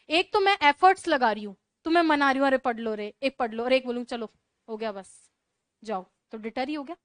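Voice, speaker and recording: Female teacher, high pitch, dry close sound, brisk chatty classroom lecture. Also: fairly bright tone, dry recording. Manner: brisk, chatty teaching with rhetorical questions to students. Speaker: English vocabulary teacher.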